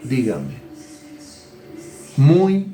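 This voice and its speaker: A man preaching a sermon as pastor, animated and colloquial, asking the congregation questions. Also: mid-range voice, extremely slow, roomy sound, a little hiss or hum. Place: church hall.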